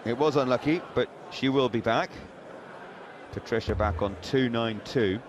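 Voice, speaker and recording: A man's voice: medium pitch, moderate pace, lo-fi sound. A man giving live darts commentary and putting questions to his co-commentator. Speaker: sports commentator. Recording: crowd and clear background noise.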